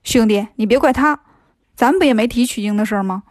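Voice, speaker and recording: A woman voicing a cheeky, boastful male monkey king in a storybook reading, joking and brisk. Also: on the high side, dry recording, studio quality, natural voice.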